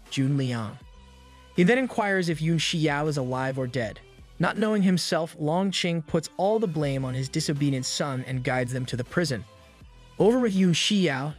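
A man reading a scripted manga recap, brisk and steady, with the odd dry joke. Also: a little high. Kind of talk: scripted narration. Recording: narration over background music.

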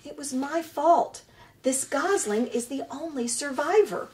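A woman doing a calm, formal female robot. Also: high voice, pitched above the performer's own voice. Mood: polite. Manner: flat, measured, formal phrasing.

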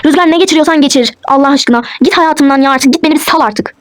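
In a toy role-play, a woman voices a cold, defiant young wife, speaking fast in a high voice close to her everyday one and firing off curt, dismissive retorts.

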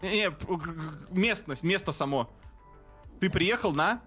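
A man in casual chat with friends, explaining words in a party game with halting, filler-heavy speech and swearing. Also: high-pitched, animated, bright, forceful tone, faint music behind.

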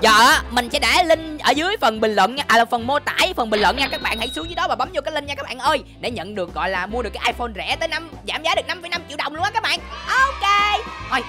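A woman's voice: high voice, lively intonation, racing, few pauses. A young woman hosting a game role-play, chirpy and full of surprised exclamations. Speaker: channel host playing a boy in a game role-play. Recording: game music playing behind.

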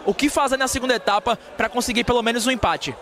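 Very high-voiced Brazilian male pitchside reporter. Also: fast talker, sharp tone, some chatter behind. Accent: Brazilian Portuguese. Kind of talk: live sideline reporting. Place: outdoors at pitchside in a stadium. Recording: noisy outdoor stadium.

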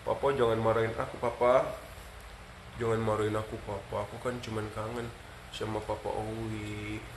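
A man's voice: fairly low pitch, moderate pace, roomy sound, natural voice. A man voicing a pleading pampered dog. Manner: soft, hushed and whiny. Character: pleading pampered pet dog, begging not to be scolded. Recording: live stream with steady background noise.

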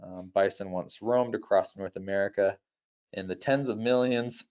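A man presenting wildlife in an unscripted nature documentary style, measured and informative, with halting self-corrections. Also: lowish voice, steady tone, a little mellow, muffled recording.

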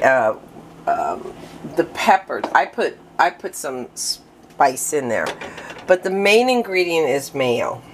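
A low-pitched woman talks slowly through a casual cooking demonstration in her home kitchen. She rambles, restarts her sentences and fills gaps with "um", a little out of breath. Faint clatter of pots and dishes sits behind her. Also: a little hiss or hum. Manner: rambling, chatty, many fillers and restarts. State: breathing hard.

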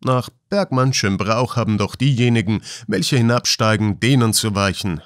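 A man voicing a calm, kindly older male mining engineer who speaks in a measured way, in a storybook reading. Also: lowish voice, no room sound, clean studio sound, lightly acted.

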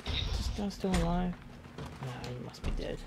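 A woman's voice: fairly low pitch, animated, normal speed. A woman hosting a casual gaming session, making dry teasing jokes at her friends. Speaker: gaming channel host. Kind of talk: casual chat while gaming. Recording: noisy game audio under voice chat.

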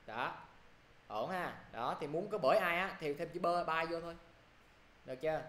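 A man with a Southern Vietnamese accent teaching an English grammar lesson. He talks briskly and keeps checking in with his students. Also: on the high side, a bit bright, reverberant, a little hiss or hum.

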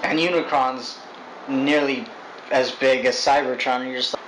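A man's voice: medium pitch, steady tone, measured pace, background noise. A young man chatting casually about a movie, rambling, swearing and stumbling over his words. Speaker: co-host. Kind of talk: casual movie review chat.

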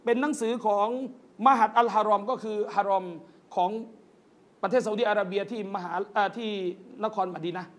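A man's voice: high-pitched, steady tone, normal speed. A man giving an Islamic lecture in a mosque, telling stories earnestly and often calling his listeners brothers and sisters, with light joking asides. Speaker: Islamic preacher. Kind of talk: lecture to a congregation.

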